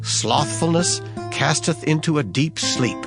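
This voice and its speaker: Over plucked guitar music, a man gives a solemn, measured, expressive reading of scripture for a dramatized Bible audiobook. His voice is fairly high and gravelly.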